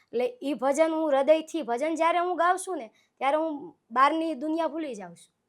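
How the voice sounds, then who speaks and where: Appearing as a guest folk singer in a relaxed interview, this woman from Saurashtra, Gujarat, has a high-pitched, animated, brisk voice. Her storytelling comes across as heartfelt and earnest.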